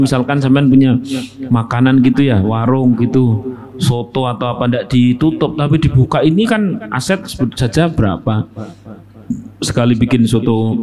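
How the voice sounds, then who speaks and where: A young man with a Javanese accent giving a casual sermon on a classic book, joking and lively, slipping into Javanese and acting out quotes. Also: medium pitch. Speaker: Islamic preacher teaching a classic book.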